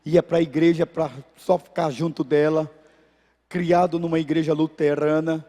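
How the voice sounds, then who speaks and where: A man preaching in a church, speaking with a Brazilian Portuguese accent. His voice sits high for a man, and he acts out the people in his story with lively shifts. The sound has a long reverb from the sanctuary. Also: normal speed. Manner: animated, acts out voices in anecdotes. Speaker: pastor. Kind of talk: sermon with storytelling.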